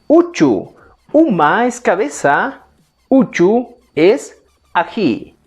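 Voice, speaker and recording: A woman teaching a Quechua lesson, slowly pronouncing example words and repeating them in drills. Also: medium pitch, a little mellow. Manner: slow, careful enunciation of example words. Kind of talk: language lesson, slow repetition drills.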